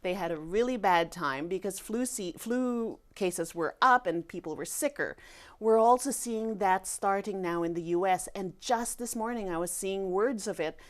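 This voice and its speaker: A woman's voice: mid-range voice, moderate pace. A woman speaking as a guest physician in a conversational interview, telling things emphatically and voicing what people said.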